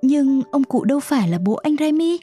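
A sickly, tearful little boy from an audiobook, played by a woman who pleads in a raised, higher voice. The tone stays warm and mellow. The recording is dry with faint music behind it. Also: animated, a little fast. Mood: pleading.

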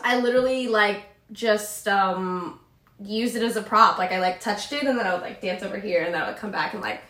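Bright young woman who says like constantly. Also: mid-range voice, a little fast. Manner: says like a lot; giggly, self-mocking, acts out quotes. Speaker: podcast guest. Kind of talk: casual chat, animated storytelling. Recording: echoey room.

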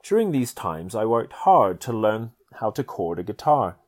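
A man's voice: on the low side, big pitch swings, normal speed, a little mellow. Earnest man reading his testimony. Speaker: narrator. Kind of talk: reading a memoir chapter aloud.

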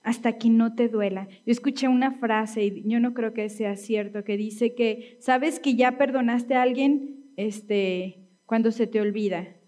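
A woman's voice: fairly high pitch, unhurried, a little mellow. A woman pastor preaching a sermon in a conversational way, often checking in with tag questions.

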